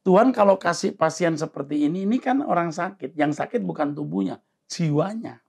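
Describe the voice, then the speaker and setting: A man's voice: on the high side, brisk, vocal fry, a little mellow, slightly rough. A man, a pastor, answering a listener's question on the Bible with earnest, emphatic counselling.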